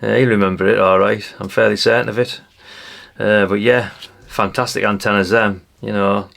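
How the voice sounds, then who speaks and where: A British hobbyist video host leafs through a brochure, offering his viewers casual, rambling commentary that's chatty and colloquial, often ending remarks with a tag question. His voice sits lowish with fairly even intonation, a normal pace, some vocal fry, and a slightly bright quality.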